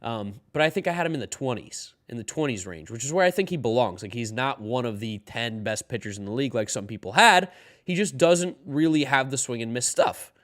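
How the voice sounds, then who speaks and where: A man's voice: medium pitch, lively intonation, fairly quick, fairly bright tone. A man hosting a daily live sports stream, talking loosely and answering chat questions while sounding tired. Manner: loose and rambling, reads chat questions aloud. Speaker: host of a daily baseball stream.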